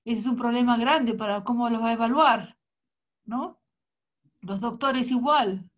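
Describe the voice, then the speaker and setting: Woman interpreter, slightly high voice, halting first-person delivery with restarts. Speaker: sign language interpreter. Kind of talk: live voice interpretation of a talk.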